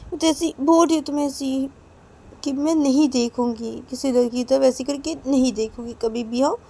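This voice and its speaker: A woman's voice: high-pitched, steady tone, moderate pace, creaky, dark tone, pitched above the performer's own voice. A woman voicing a tearful young woman who keeps pleading and apologizing, crying as she begs. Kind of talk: storytelling role-play.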